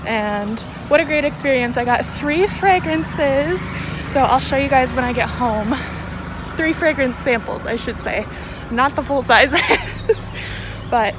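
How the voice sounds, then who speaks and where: A woman's voice: high-pitched, animated, takes it slowly. A young woman in her twenties chatting casually to a phone at arm's length while walking outdoors in the city. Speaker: vlogger. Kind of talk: casual vlog narration. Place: city street and waterfront park outdoors. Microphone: phone held at arm's length. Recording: outdoor street noise from traffic. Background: city traffic.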